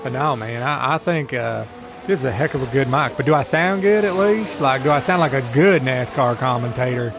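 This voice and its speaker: Gravelly-voiced man casually streaming a game. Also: mid-range voice, animated, a little fast, music in the background. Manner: rambling, easygoing, talks to a friend on a call. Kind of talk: casual live-stream chat.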